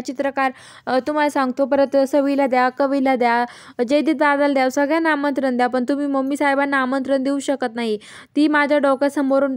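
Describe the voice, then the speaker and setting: High-voiced woman retelling a story. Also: a little mellow. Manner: quick retelling with many fillers and restarts; quotes every character in her own voice. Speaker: storyteller recapping a TV serial. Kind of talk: casual spoken recap narration.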